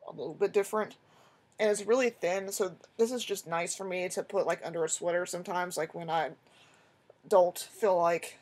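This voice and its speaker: A young woman chatting casually in a rambling, excitable way as she shows off her shopping haul to the camera. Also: fairly low pitch. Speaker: vlogger. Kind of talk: casual haul video chat.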